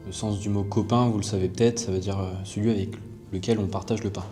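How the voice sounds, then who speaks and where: Man, paranormal vlog host, calm explaining, a few hesitations, fairly low voice, long echo of an underground bunker. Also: fast. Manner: explains calmly to viewers, with hesitations. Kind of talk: casual vlog narration. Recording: long underground reverb with faint music.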